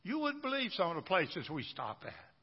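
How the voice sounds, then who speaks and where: A man voicing a fussy, complaining wife in a story, with a drawn-out, mocking way of talking. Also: high voice, huge pitch swings, breathy edge, pitched above the performer's own voice, full character voice. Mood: scornful. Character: fussy complaining wife, middle-aged woman. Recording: dull echoey church hall recording.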